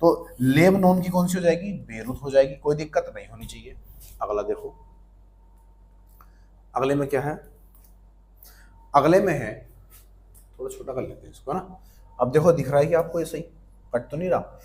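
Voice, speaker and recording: A man runs an online exam-prep lesson, his voice sitting a bit high for a man. He keeps up a playful back-and-forth with himself, firing off questions and answering them in the same breath. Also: lively intonation, moderate pace, pauses often, a little mellow. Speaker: exam coaching teacher. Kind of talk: online lesson with memory tricks.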